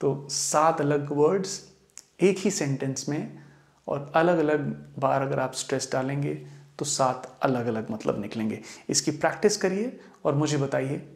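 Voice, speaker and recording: A man with an Indian accent teaching an English lesson, speaking slowly and deliberately and stressing single words. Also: on the high side, vocal fry, roomy sound. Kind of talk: Hindi-language English lesson.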